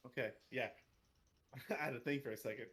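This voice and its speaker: A man's voice: mid-range voice, fairly quick, fairly bright tone. A man narrating as game master of a tabletop game, loose and chatty, swearing casually.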